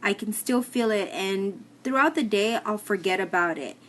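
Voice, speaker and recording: A woman's voice: mid-range voice, animated, moderate pace. A woman giving a casual personal update to camera, explaining things plainly with some hesitation. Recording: clear background noise, room ambience.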